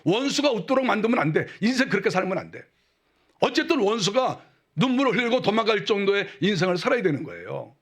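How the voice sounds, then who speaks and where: A middle-aged male pastor preaching a sermon in a conversational way, dropping into a lower voice to act out mocking quotes. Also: sing-song, quick pace, fairly bright tone, breathy edge.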